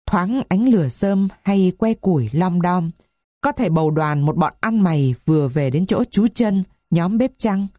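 A woman narrating a story aloud in a slow, somber reading style. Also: lowish voice, warm tone, no echo, studio quality.

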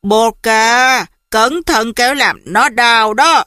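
Kindly old man, as a woman puts him on, gentle coaxing tone, bright, dry. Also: on the high side, slow, dry recording. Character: kindly elderly man, a school guard.

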